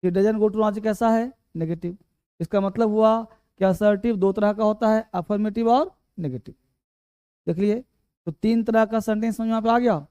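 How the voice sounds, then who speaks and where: A man teaching an English grammar lesson, talking slowly, repeating key words and quizzing his students. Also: high voice, fairly even intonation, warm tone, smooth, no echo.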